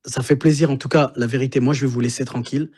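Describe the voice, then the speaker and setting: A man's voice: mid-range voice, fairly even intonation, quick pace, dark tone, slightly rough. A man guesting on a casual livestream, telling stories in a self-assured way and calling his listener "bro" again and again. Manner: storytelling, self-assured, keeps saying "bro".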